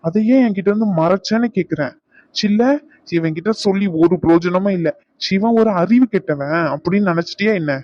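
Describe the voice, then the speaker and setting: A man's voice: sits high, a little fast, dry recording, lightly acted. A man voicing a jealous young husband in a dubbed cartoon, sarcastic and accusing, recorded lo-fi. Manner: accusing, sarcastic, repeats his demands. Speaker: cartoon voice actor.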